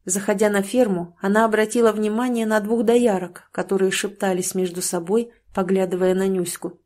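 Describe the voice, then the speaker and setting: A woman narrating an audiobook in a calm, measured storytelling manner. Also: medium pitch. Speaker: audiobook reader.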